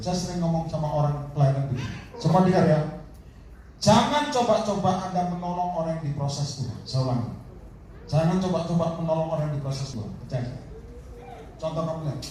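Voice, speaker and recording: A man preaching an animated sermon, often calling for an amen and acting out people in his stories. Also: fairly high pitch. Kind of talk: lively sermon. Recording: distant, very echoey hall with faint noise.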